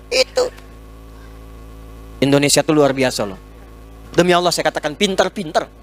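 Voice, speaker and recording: An Islamic preacher delivers a humorous sermon lecture with questions and answers, teaching an audience through everyday examples and jokes into a microphone. His voice is very high-pitched and sharp.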